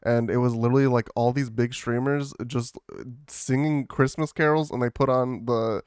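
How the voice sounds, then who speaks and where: This podcast co-host's mid-range voice is smooth and darkish, with fairly even intonation and normal speed, captured in a dry, clean studio recording. His casual chat rambles along, heavy on fillers and curse words.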